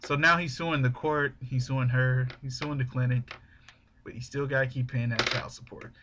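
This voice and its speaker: A young man hosting a casual podcast, telling stories in an animated way and acting out the quotes. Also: medium pitch, normal speed, background noise. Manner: storytelling, animated, acts out quotes. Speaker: podcast host.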